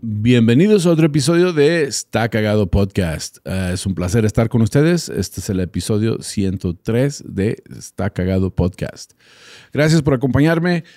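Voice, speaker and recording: A man's voice: mid-range voice, lively intonation, normal speed, mellow, no room sound, studio quality. A man from Texas with an American accent, a native English speaker, hosting a casual solo podcast and often hesitating as he searches for words. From Texas, United States. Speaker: podcast host.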